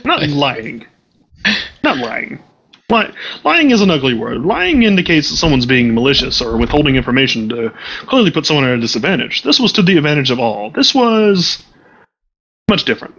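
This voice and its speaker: Lively man running a tabletop game. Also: on the high side, fairly quick, dull audio. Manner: animated, laughing often, switches into character voices. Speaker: game master.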